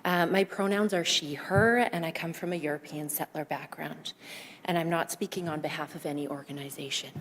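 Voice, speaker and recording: A slightly low-voiced woman speaks at a podium microphone in a big council chamber, her words trailing off into a long reverb. She is out of breath and earnest, explaining her ideas as she thinks them through, and a faint room hum sits underneath. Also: fairly even intonation, fairly quick. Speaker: psychiatrist speaking as public delegate. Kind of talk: public testimony at a budget hearing.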